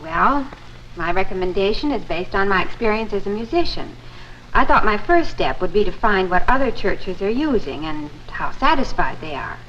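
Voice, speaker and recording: A woman's voice: mid-range voice, sing-song, moderate pace, a bit bright. An actress playing a polite, conscientious churchwoman in a 1950s promotional film, speaking in an earnest, proper way. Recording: muffled, noisy 1950s film soundtrack.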